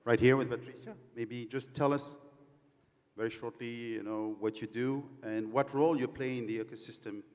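A man's voice: medium pitch, steady tone, normal speed, darkish tone. A man moderating a conference panel, with many hesitations and fillers, on a handheld mic in a large conference hall. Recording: long hall reverb.

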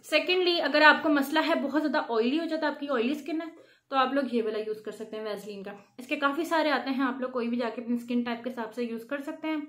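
A woman's voice: high voice, fast talker, fairly bright tone. A woman giving a chatty, instructive home skincare tutorial, often checking in with her viewers. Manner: chatty, instructive, frequent "theek hai" check-ins. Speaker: beauty vlogger. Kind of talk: casual how-to vlog.

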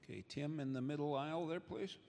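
A man moderating a postgame press conference, brisk and procedural as he points out the next questioner. His voice has a gravelly, creaky edge. It sounds set back from the mic, with a long reverb from the hall. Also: on the high side, darkish tone. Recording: distant, reverberant room sound.

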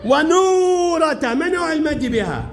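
A man's voice: extremely high pitch, expressive, brisk. A man with an Egyptian accent teaching a primary class, coaxing pupils with repeated questions. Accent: Egyptian Arabic. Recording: echoey classroom.

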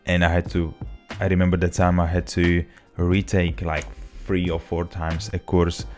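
A man's voice: sits low, normal speed, soft background music. A young man from the Czech Republic with a Czech accent, casually telling his story to camera at a desk mic in a small home office. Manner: relaxed storytelling, slightly broken English. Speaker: vlogger. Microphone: desk mic on a boom arm.

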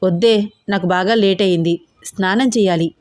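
A woman's voice: medium pitch, moderate pace, a little mellow, no room sound, natural voice. A woman voicing a young man, a busy company boss who answers in curt, teasing lines. The recording is dry and close. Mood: brisk teasing.

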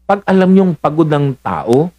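A man's voice: fairly high pitch, very animated, a little slow, a little mellow, no room sound. Jokey man preaching. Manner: jokey, chuckles often, mimics voices. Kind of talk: sermon with jokes.

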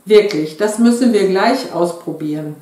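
A woman's voice: medium pitch, moderate pace, dark tone, lightly acted. A woman voicing an eager, chatty middle-aged wife sewing doll dresses, read in a very echoey room.

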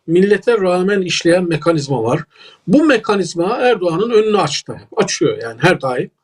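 A man's voice: high-pitched, big pitch swings, normal speed, husky. A man with a Turkish accent, a political scientist giving emphatic, lecturing analysis as an interview guest.

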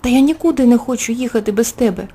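A woman voicing a gentle young princess who speaks in a high, pleading voice close to tears in an audio fairy tale. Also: quick pace, breathy edge. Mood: tearful.

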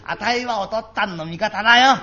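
A man's voice: sits high, sharp tone. A man playing a sly, wheedling little boy. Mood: coaxing. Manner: coaxing, teasing, drawn-out storytelling. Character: sly cheeky young boy wheedling coins. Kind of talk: traditional comic storytelling performance. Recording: dull live recording with audience laughter.

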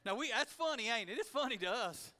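A male pastor preaching a sermon, folksy and conversational, building to shouts. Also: very high voice, lively intonation, fairly quick. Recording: long hall reverb.

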